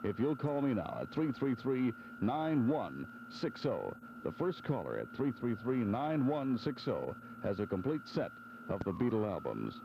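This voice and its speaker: On a noisy, dull old AM aircheck with hum, an American male DJ speaks in a fairly low, creaky voice that is very animated and swings widely in pitch. Doing 1970s pop radio patter, he runs an album giveaway and phone-in, deliberately repeating and spelling out details.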